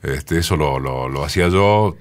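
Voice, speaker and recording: Man, 60s, Rioplatense accent, very low booming voice, unhurried storytelling, radio studio. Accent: Rioplatense Spanish. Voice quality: booming, forceful deep voice. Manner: unhurried storytelling with many pauses. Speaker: radio journalist guest. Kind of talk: reminiscing interview talk.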